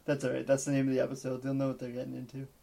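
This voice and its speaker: A man's voice: medium pitch, monotone, rapid-fire, vocal fry, dark tone. A man co-hosting a casual podcast, trading crude jokes. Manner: crude jokey banter. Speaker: podcast co-host.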